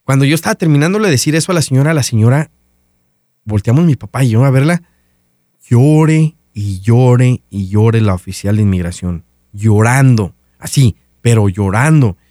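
A man's voice: medium pitch, normal speed, no room sound, studio quality. A man, hosting a podcast and casually telling a personal story, acting out the back-and-forth of the conversations. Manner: animated retelling that acts out dialogue. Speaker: podcast host.

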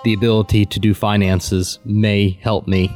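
A young man from Texas hosting a podcast in a casual, animated, self-deprecating way, laughing often. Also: lowish voice, normal speed, faint music behind. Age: young adult. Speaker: podcast host.

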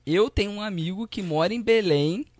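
A man's voice: high-pitched, normal speed, a crowd in the background. A young man co-hosting a podcast, chipping into casual chat with slangy interjections. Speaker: podcast co-host.

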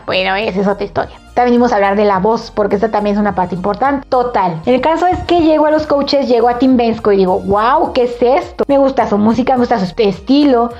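A woman's voice: fairly high pitch, warm tone, highs cut off. A woman hosting a podcast in a chatty, rambling monologue full of fillers. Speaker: podcast host. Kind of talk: casual monologue.

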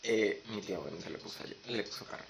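A man's voice: on the low side, fairly quick, gravelly, a little hiss or hum. A young man with a Venezuelan accent, telling stories in a casual, slangy chat. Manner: animated storytelling with slangy asides.

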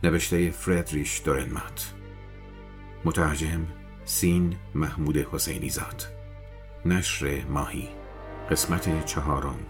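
A man reading a crime novel aloud as an audiobook narrator, in a measured storytelling delivery. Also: a bass voice, fairly even intonation, faint music behind.

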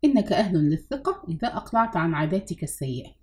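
A woman's voice: lowish voice, big pitch swings, racing. A woman voicing a scheming middle-aged mother who coaxes her son in an audiobook reading.

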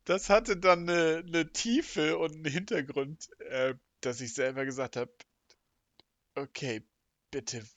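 A man's voice: a little high, slow pace, no room sound. A man in a casual podcast chat, telling an anecdote hesitantly, with many fillers and frequent laughs.

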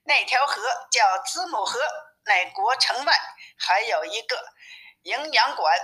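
A woman's voice: fairly high pitch, pushed and bright, rough recording. A woman voicing a talkative old village woman who explains things at length in a storybook reading.

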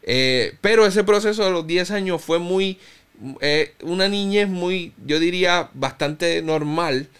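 Speaking as an interview guest, a man in his thirties shares a personal testimony haltingly and reflectively, often using fillers and starting over. Born in Cuba, he has a Cuban Spanish accent mellowed by years in Puerto Rico, and his voice is high-pitched and smooth.

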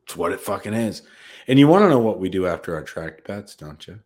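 Low-voiced brash man co-hosting. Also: sing-song, brisk, a little mellow. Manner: brash, joking, swears freely. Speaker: podcast co-host. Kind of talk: casual sports betting chat.

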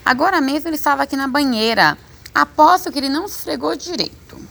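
A woman reading a story voices a fussy mother calling for her son in a high, scolding tone. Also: animated, fast talker, gravelly, sharp tone, full character voice. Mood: fussing.

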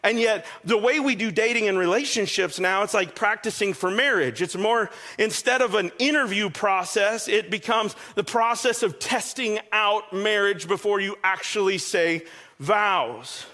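A man's voice: sits high, normal speed, bright, forceful tone. A male pastor preaching a sermon in a conversational, joking way, often checking in with his listeners.

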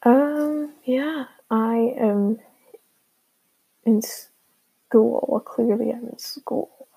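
Creaky teenage girl on a low-quality earbud mic. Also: drawn-out words, warm tone. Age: teenager, fifteen. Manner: informal, hesitant, heavy filler "like". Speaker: beginner podcast host. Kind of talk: casual rambling solo podcast chat. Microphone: earbud microphone.

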